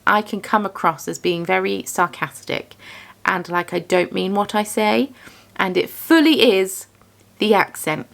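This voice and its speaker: This casual vlog voice-over comes from a young woman who dyes yarn and owns a small business, recorded in her home craft studio. Her mid-range voice is creaky as she talks chattily and self-deprecatingly about her craft, rambling as she goes.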